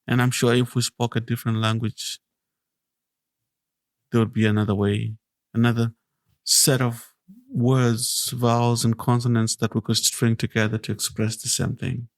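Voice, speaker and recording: A man from Zimbabwe hosting a podcast, talking in a slow, earnest and reflective way with restarts. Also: mid-range voice, level tone. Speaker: podcast host.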